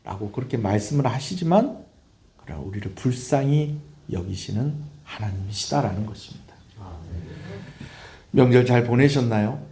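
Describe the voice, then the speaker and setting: A male pastor preaches in a church, swinging his pitch widely as he tells stories. His voice is mellow and darkish. The sound rings through an echoey hall. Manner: animated storytelling preacher, acting out scenes. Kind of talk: sermon. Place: church sanctuary.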